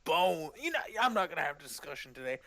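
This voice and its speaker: A man's voice: on the high side, big pitch swings, fast talker, bright, forceful tone. A man running a tabletop game as game master, narrating off the cuff in a casual, chatty way.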